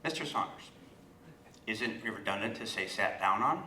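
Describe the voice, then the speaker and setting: A man's voice: on the low side, expressive, normal speed, pushed and bright, slight background noise. A man voicing a polite, exacting female nun who questions every word, recorded in a roomy hall from a distance. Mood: prim questioning.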